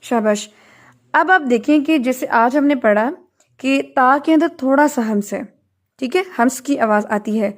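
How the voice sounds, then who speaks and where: A woman teaching Quran recitation online, patiently correcting students and chanting verses to show how they should sound. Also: high-pitched.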